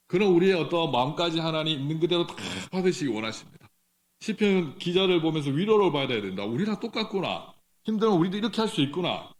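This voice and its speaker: A middle-aged man preaching a sermon in a church, speaking conversationally, asking the congregation questions, with some halting restarts. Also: a little high, lively intonation. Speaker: pastor. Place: church sanctuary.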